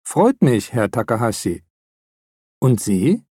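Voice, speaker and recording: A man playing a husky thirty-something textbook character. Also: mid-range voice, sing-song, slow pace, dark tone, dry recording, clean studio sound, full character voice. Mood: friendly. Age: 30s. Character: adult man introducing himself, friendly. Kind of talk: scripted textbook dialogue.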